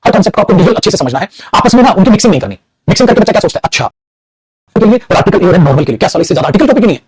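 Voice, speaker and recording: A man's voice: high voice, big pitch swings, racing, darkish tone, breathy edge, no room sound. A man teaching an English grammar lesson in Hindi, calling his students beta and repeating his points with emphasis, with a Hindi accent on English words.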